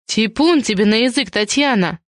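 A woman's voice: a little high, expressive, dry recording, studio quality, lightly acted. A woman reading an audiobook and voicing an anxious, stern older woman who manages others. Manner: slow, bewildered then stern.

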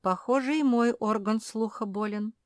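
A woman voicing a calm, easygoing female pug in a storybook, with a mild, measured delivery. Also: on the high side, no room sound, clean studio sound, pitched above the performer's own voice, close to an everyday voice. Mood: puzzled.

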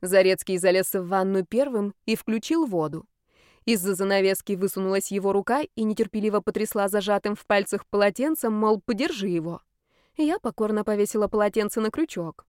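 A woman narrating a story in the first person with an even, measured reading. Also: medium pitch, clear, resonant tone, dry recording, studio quality. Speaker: audiobook narrator.

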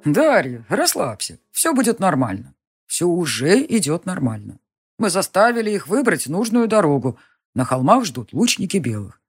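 Woman reader as a cocky young prince, husky, lively and assured. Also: fairly low pitch, full character voice. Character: cheerful young male prince, smug joker.

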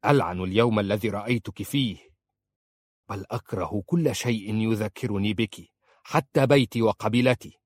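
A man's voice: lowish voice, moderate pace, no room sound, close to an everyday voice. A man voicing a harsh, menacing young man. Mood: harsh anger. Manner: shouting threats, cold and domineering. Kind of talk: audiobook character reading.

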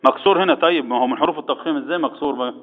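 Speaking at a racing pace in a fairly high voice, an Egyptian-accented man runs a tajweed class on Quran recitation, posing questions to students and supplying the answers himself. The audio is echoey with a tinny, phone-like quality.

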